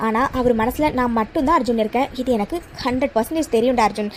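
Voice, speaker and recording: A chatty, self-assured young woman doctor in a cartoon story, as a woman puts her on. She speaks quickly and brightly, with a faint hiss behind her. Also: fairly high pitch, pitched below the performer's own voice, natural voice. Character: confident young woman doctor set on marriage. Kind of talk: animated cartoon story dialogue.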